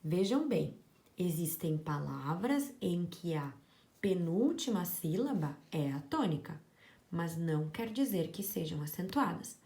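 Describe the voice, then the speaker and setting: A woman teaching a grammar lesson in a low, mellow voice. She explains slowly and patiently and lingers on each example word so that it is clear. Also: animated. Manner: slow, explanatory, stresses example words. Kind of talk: classroom lesson on word stress.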